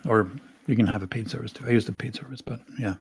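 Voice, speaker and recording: A man's voice: mid-range voice, fast talker, gravelly, husky, no echo. A middle-aged man from Sweden, a podcast guest talking casually, rambling and self-deprecating with frequent restarts. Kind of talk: casual interview talk.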